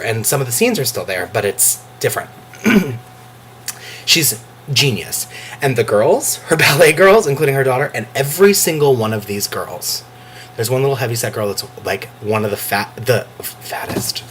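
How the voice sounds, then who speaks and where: A man talking in an excited casual vlog, gushing and emotional, close to tears, with sudden jumps into a high voice. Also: slight background noise. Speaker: vlogger reviewing a show.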